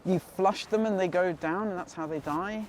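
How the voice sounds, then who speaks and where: A man's voice: high voice, normal speed, noisy background. A man in casual podcast chat about games, talking in a playful, bantering way.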